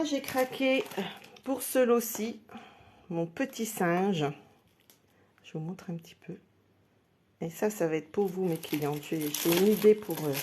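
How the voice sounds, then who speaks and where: A woman's voice: medium pitch, warm tone, slight background noise. A woman chatting casually while unboxing craft supplies live, thinking aloud with many hesitations. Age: adult with a day job. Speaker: craft product seller.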